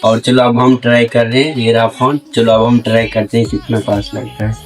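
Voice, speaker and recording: Man, vlog co-host, casual chat to viewers, medium pitch, faint background music. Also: flat delivery, normal speed. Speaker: co-host of a prank call vlog.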